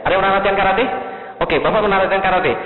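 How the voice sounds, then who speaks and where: A man, preaching to a hall audience in an animated, playful way, asking them questions. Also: sits high, very fast. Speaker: Islamic preacher. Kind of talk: lively seminar talk to an audience. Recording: echoey hall, thin phone-like sound.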